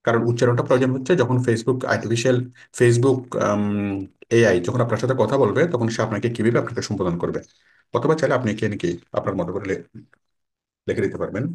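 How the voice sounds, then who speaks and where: A man's voice: medium pitch, a little mellow. A man teaching a screen-recorded tutorial, explaining step by step and reading out English menu labels. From Bangladesh. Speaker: online course instructor.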